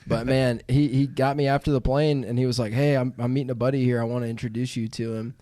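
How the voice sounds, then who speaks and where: A man hosting a podcast in a studio, telling stories in a lively, laughing way. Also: medium pitch, fast talker. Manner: animated storyteller, laughs while telling. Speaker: podcast host. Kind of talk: casual podcast chat.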